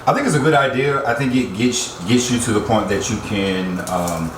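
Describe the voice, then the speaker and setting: A man's voice: on the low side, moderate pace. An American man in casual, slangy conversation, agreeable and often repeating his phrases. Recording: echoey, noisy room, distant mic.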